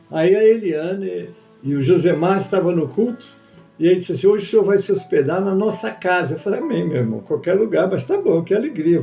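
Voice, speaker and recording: A man preaching as a pastor, telling a testimony and acting out the dialogue in a lively storytelling manner. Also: on the high side, dull audio. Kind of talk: sermon testimony. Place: church.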